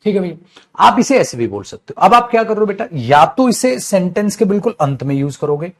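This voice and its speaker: Lively husky male teacher. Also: sits high. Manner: lively, addresses students as beta, repeats phrases slowly. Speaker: English teacher. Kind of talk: classroom grammar lesson.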